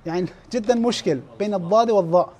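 High-voiced man teaching recitation. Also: a little mellow. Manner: explains scoring plainly, slows down to demonstrate recited verses; clears his throat now and then, restarts words. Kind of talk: classroom lesson on recitation errors.

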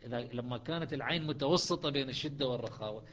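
A man teaching a lesson on Quranic readings, explaining step by step and slowing into chanted recitation. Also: mid-range voice, fairly bright tone, lo-fi sound, slight background noise.

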